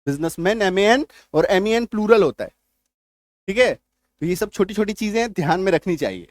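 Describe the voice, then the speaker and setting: A man with a high voice teaches grammar, walking through each step and pausing often to ask if it is clear. The recording is dry and close, with no room sound. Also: expressive, dry recording. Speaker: English teacher. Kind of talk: grammar lesson.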